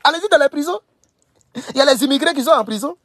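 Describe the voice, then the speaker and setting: A man's voice: extremely high pitch, animated, fast, fairly bright tone, no echo, clean studio sound. A young man from Burkina Faso, talking straight to camera, emphatic, repeating phrases and scolding his listeners. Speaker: political commentator. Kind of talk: casual direct-to-camera monologue.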